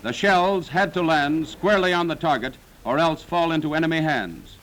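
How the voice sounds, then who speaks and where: A man's voice: a little high, normal speed, a bit bright, poor audio. A man narrating a 1940s wartime newsreel in a dramatic, solemn, declaiming manner.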